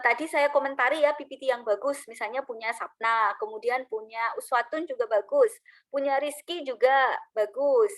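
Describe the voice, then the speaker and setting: Woman lecturer on a video call, patient and filler-heavy, a touch high-pitched. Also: rough recording. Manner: many drawn-out "eee" fillers, gentle teacherly. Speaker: university English lecturer. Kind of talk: online class feedback.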